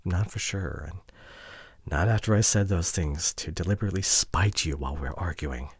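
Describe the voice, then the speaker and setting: In an ASMR audio drama, a man with a deep, husky voice plays a regretful, wounded boyfriend pleading with his partner. His delivery is halting and emotional, often sinking to hushed tones in a remorseful, subdued mood, recorded with studio quality and no echo.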